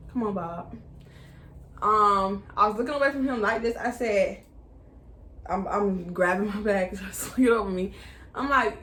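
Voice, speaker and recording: A woman, with a high, bright voice. She talks in an animated, profane way and acts out her side of arguments as she goes. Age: 20s. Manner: animated, profane retelling with re-enacted dialogue. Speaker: vlogger. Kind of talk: storytime vlog.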